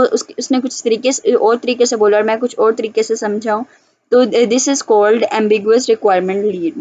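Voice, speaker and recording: A woman teaching from handout notes, reading English lines slowly and then explaining them in a chatty way with many fillers. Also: medium pitch, darkish tone. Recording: slightly dull lo-fi audio.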